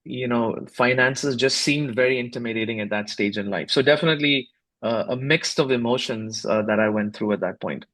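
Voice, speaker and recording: A man in his fifties who grew up in India, a founder answering podcast questions in a reflective, measured way with frequent fillers and restarts. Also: mid-range voice, a bit bright. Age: 50s. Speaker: guest, startup founder. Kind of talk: casual podcast interview.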